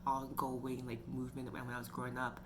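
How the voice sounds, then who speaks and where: Her voice is extremely low, with little pitch movement and a fairly quick delivery. She's a Canadian woman running her own book review channel, casual and chatty and full of "like" and "you know," and the recording carries noticeable background noise.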